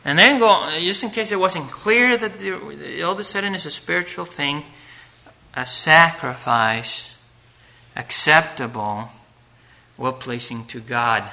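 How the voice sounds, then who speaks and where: A man preaching a sermon to a congregation at a pulpit microphone, earnest, reading scripture aloud and swinging between loud emphasis and hushed asides. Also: a little high, unhurried, vocal fry.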